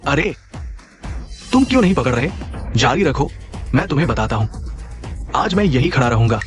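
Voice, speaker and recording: A man's voice: mid-range voice, very animated, moderate pace, faint music behind, close to an everyday voice. A man voicing a sneering young bully. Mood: mocking. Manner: taunting, sneering. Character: bullying young man, mocking and quick-tempered. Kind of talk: dubbed short drama.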